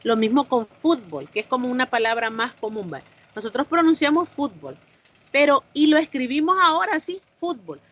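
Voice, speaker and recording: A woman's voice: high voice, fairly quick, hardly any pauses, a bit bright. A woman teacher explains the lesson to her online class and stops to put questions to them.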